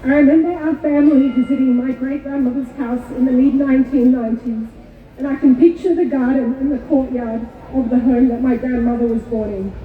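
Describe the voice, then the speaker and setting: A woman born in Kuwait giving a measured, solemn prepared speech to an outdoor rally. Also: high voice, fairly even intonation. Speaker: rally speaker. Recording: echoey far-off PA with tinny sound.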